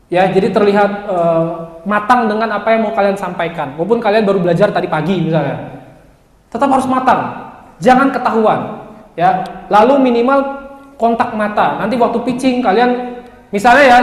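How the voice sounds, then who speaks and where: High-voiced joking young male lecturer. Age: 20s. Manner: lively, joking, addresses students directly. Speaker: university lecturer. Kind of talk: classroom lecture. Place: large classroom. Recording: echoey classroom with long reverb.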